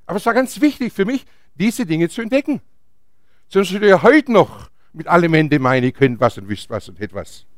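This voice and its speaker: Chatty preacher man, high voice that swoops all over, telling a bible story. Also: very animated, moderate pace, no room sound, clean studio sound. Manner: chatty, asks the audience questions. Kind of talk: lively sermon storytelling.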